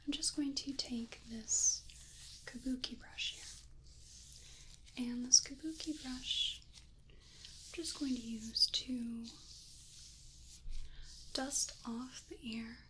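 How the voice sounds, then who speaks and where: Slow whispered role-play by a soft-voiced woman. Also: high voice, fairly even intonation, rough recording. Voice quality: soft breathy whisper, mostly unvoiced. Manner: gentle, unhurried, reassuring explaining. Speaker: ASMR performer playing an ear-exam clinician.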